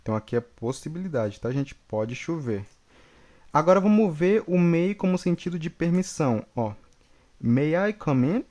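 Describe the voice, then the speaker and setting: A man from Brazil teaching an English lesson, patiently repeating each example slowly and checking in with the class. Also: fairly high pitch, expressive, darkish tone, lo-fi sound.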